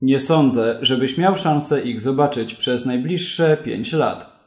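A man's voice: mid-range voice, slow pace, darkish tone, natural voice. A man voicing a dry, sarcastic police detective in a read-aloud story. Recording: roomy echo.

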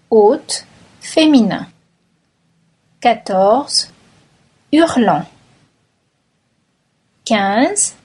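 A woman reads a language drill at a very slow, deliberate pace, giving each word and verb form its own space. Her voice sits a little high and has a husky, breathy edge. She sounds measured and methodical throughout. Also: darkish tone. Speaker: language teacher. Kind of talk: slow vocabulary and conjugation drill.

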